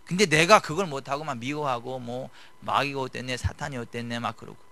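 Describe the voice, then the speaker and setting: A middle-aged man preaching a sermon in a conversational style, swinging from loud to hushed. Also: medium pitch, brisk. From South Korea. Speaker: pastor.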